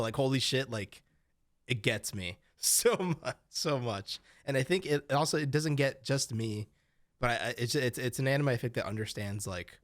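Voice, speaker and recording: Recorded dry, this mid-range male voice belongs to a young podcast co-host. He rambles through casual chat, leaning on lots of fillers and curse words.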